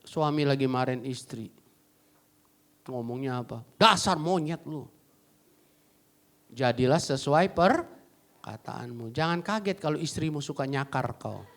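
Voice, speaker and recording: A male pastor preaching a lively sermon, swinging between loud exclamations and quiet asides and acting out quotes. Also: medium pitch, measured pace. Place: church service.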